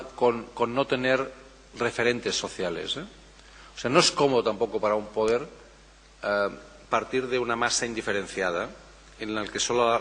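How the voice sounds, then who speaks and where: A man's voice: mid-range voice, fairly bright tone. Man musing in an echoey hall. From Catalonia, Spain. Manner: thoughtful, tags phrases with "¿no?", frequent restarts. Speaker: political science professor, conference speaker. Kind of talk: conference Q&A answer. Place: conference hall. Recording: reverberant conference hall.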